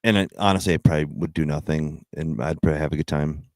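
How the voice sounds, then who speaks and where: A man's voice: rumbling low, steady tone, fast talker, no echo, studio quality. A man chatting casually as a livestream host, in a rambling, slangy way with some swearing.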